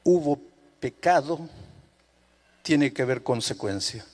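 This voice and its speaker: A man voicing a loving but firm mother, speaking softly and low. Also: lively intonation, takes it slowly.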